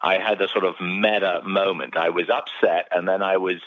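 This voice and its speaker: A man's voice: deep voice, fairly even intonation, moderate pace. An Englishman from England, calling in over the phone as a radio guest, telling stories in a chatty way with restarts. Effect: heard over the phone. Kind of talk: radio interview. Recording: dull phone-line sound.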